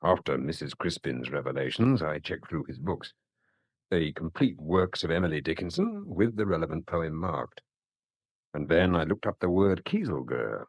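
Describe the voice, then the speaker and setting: An actor playing a shrewd, courteous middle-aged English police inspector in a radio drama, measured and dryly precise. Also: male voice, extremely low pitch, sing-song, slightly rough, no echo, full character voice. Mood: dry, methodical.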